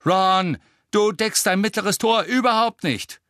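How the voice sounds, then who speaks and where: A man reading aloud voices a bossy teenage girl, the team captain, with sharp, loud commanding calls. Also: high voice, sing-song, unhurried, dry recording, studio quality, voice pushed up, full character voice. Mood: scolding.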